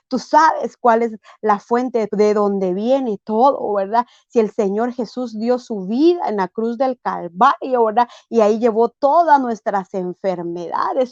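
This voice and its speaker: A woman's voice: a little high, darkish tone, no echo, lo-fi sound. A woman preaching a sermon, often asking her listeners "right?" and acting out the voices of people in the story. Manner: preaching with frequent tag questions and dramatized quotes.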